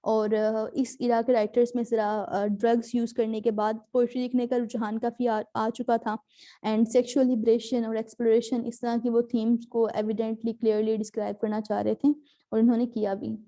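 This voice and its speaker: A woman's voice: a little high, flat delivery, moderate pace, warm tone. A woman teaching an online class over a video call, explaining step by step with frequent fillers on her terms. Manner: explains patiently, mixing in English terms, many fillers.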